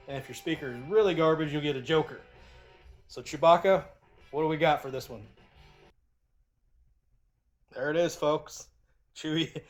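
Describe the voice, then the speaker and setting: A man giving a casual, rambling product review as the channel's host, often restarting his sentences. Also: on the high side. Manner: chatty and rambling, with frequent restarts.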